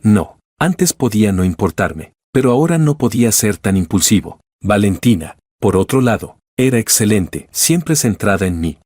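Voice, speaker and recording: A man with a low, somewhat husky voice reads a romance tale in the first person, steady and measured. The sound is close and dry, with no room around it. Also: no room sound. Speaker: narrator. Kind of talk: first-person scripted story narration.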